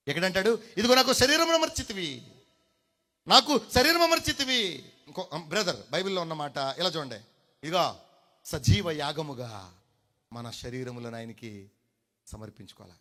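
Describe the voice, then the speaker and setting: A man preaching a sermon to a congregation, swinging between hushed and loud delivery, drawing out key words and slipping in English phrases. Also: a little high. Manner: mixes in English phrases, addresses the congregation directly.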